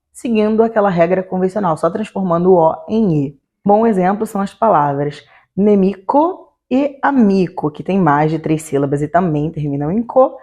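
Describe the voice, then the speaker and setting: A woman teaching an online grammar lesson, slowing down to spell out each example word. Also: mid-range voice, dark tone. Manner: explanatory, slows to spell out example words. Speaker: Italian teacher.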